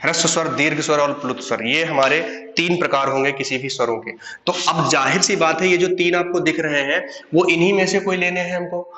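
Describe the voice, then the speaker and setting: Man teaching a grammar class, bright voice. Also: a little high, fairly quick, echoey room. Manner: asks questions then answers them himself. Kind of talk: online classroom lesson.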